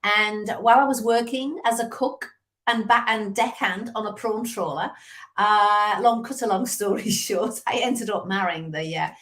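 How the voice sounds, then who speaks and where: A woman in her fifties from England, with a Liverpool accent, is a sales coach appearing as a guest in a casual video call interview. Her mid-range voice moves at normal speed as she tells stories, chatty and full of lively asides.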